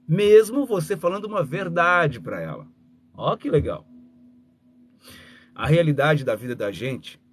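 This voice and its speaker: Male mentor, motivational live talk, bouncy and expressive, on the high side. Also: a little hiss or hum. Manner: animated, acts out little dialogues, speaks straight to listeners. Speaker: communication mentor and speaker.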